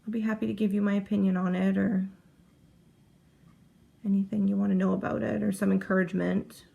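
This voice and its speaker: Chatty woman with a gravelly voice. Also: medium pitch, flat delivery, fairly quick, mellow, dull audio. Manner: chatty, rambling, self-interrupting. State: heavily pregnant. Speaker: cross-stitch vlogger. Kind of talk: casual chat to camera.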